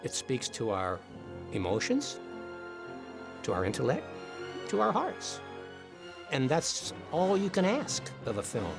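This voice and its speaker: Over music, an older man, once a police officer and now an author, reminisces warmly about a classic film in a reflective interview. His mid-range voice is gravelly and swoops wildly in pitch, and he speaks slowly with frequent pauses, keeping things conversational.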